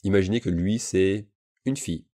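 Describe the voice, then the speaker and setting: Deep-voiced male teacher, bilingual lesson, casual and repetitive delivery, checks in often. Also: warm tone. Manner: explains in French, models English phrases slowly and repeats them; casual asides with frequent "d'accord?" checks. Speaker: English teacher.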